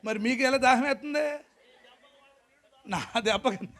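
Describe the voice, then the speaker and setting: A man preaching a lively, joking sermon as pastor to a congregation in a church hall, urging the crowd to shout. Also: very high-pitched, a little slow.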